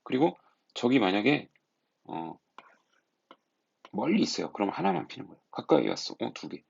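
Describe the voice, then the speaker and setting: A man teaching a high school history lesson, explaining step by step and putting rhetorical questions to his students. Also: big pitch swings, fast, vocal fry, a little mellow, breathy edge. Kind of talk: classroom lecture. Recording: dull lo-fi recording.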